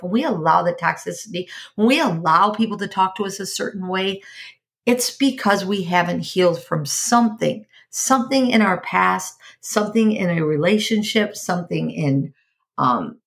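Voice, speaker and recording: A woman's voice: mid-range voice, gravelly. A middle-aged woman hosting a podcast, talking earnestly about her own life and giving advice, often repeating herself and restarting sentences. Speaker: podcast host. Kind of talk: personal advice monologue.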